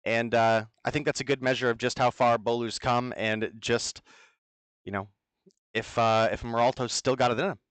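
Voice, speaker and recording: A man calling an online esports match from his home over a headset mic. His voice is smooth and resonant and sounds close and dry, with no room around it. He talks with energy and gives blunt, firm opinions. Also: medium pitch, steady tone, normal speed, a bit bright, no echo. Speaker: esports caster. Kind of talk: play-by-play commentary. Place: at home, remote over the internet.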